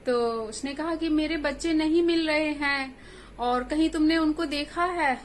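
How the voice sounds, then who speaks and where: High-voiced woman telling a kids' story. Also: unhurried, slight background noise. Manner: simple, chatty telling to kids. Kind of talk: children's story narration.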